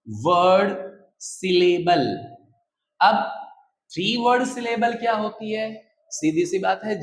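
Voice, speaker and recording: A man teaching a grammar lesson, repeating words slowly and often checking that students follow. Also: high-pitched, slight background noise. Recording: echoey room with faint ambience.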